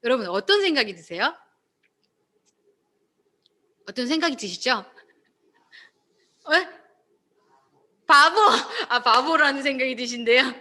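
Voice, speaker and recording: A woman's voice: high voice, brisk, pauses often. A woman giving a devotional Bible talk, speaking expressively and putting questions to her listeners. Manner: expressive, asks listeners questions, acts out quotes.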